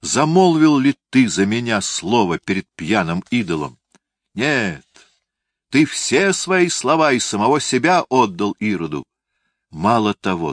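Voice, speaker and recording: A man's voice: lowish voice, animated, unhurried, no echo, clean studio sound, pitched above the performer's own voice. A man voicing a furious, cruel young prince who hurls venomous accusations in a raised, strained voice. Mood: accusing.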